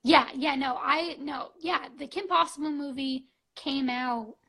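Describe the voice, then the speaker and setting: A woman's voice: high-pitched, unhurried, pushed and bright, rough recording. A woman in her twenties chatting casually on a live stream, gushing and bubbly, full of fillers like "like" and "um", on a phone mic. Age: 20s.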